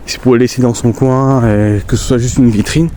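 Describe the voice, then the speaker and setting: Speaking in a mid-range voice at a moderate pace, this nature-walk vlogger talks to camera while strolling the countryside with a handheld phone. He's congested from a cold, relaxed and chatty, drifting into rambling asides, and the audio carries a little hiss or hum.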